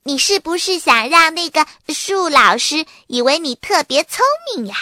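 A woman's voice: sits high, lively intonation, moderate pace, sharp tone, no room sound, studio quality, pitched above the performer's own voice. A woman voicing a cheeky little girl aardvark who teases her older brother in a sing-song way. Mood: teasing.

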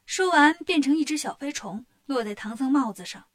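Brief: woman storyteller for kids, fairly high voice, lively and plain. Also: brisk. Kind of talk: children's story narration.

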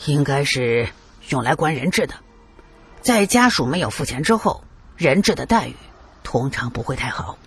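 A worldly tomb raider delivers grim news with a sneer, teasing his listener, as a male storyteller puts him on. His voice drops low and dry. Faint music runs behind the audiobook. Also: big pitch swings, moderate pace, husky, full character voice. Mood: sardonic. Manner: mocking, teasing.

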